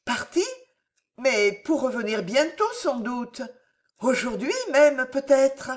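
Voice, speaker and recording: A man's voice: very high voice, animated, takes it slowly, voice pushed up, full character voice. A man reading aloud and voicing a grieving but proud young noblewoman in a storybook tale. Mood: pleading. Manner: pleading, then resolute and scornful.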